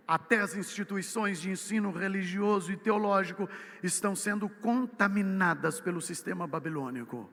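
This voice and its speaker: A Brazilian man with a Brazilian Portuguese accent preaching a sermon, swinging from loud emphatic peaks to low, quiet asides. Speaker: missionary preacher. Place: church. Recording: church hall with long reverb.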